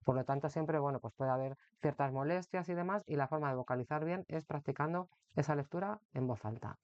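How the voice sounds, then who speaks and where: A man's voice: a little high, a little fast, darkish tone, no room sound. Man teaching in a dull dry recording. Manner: explanatory, uses rhetorical ¿no? often. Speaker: course instructor for teacher exam candidates. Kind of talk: recorded online lesson.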